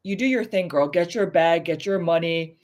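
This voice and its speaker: A woman co-hosting a casual chat show, speaking candidly and with strong opinions, full of fillers, her pitch rising when she stresses a point. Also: normal speed, darkish tone. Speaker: podcast co-host.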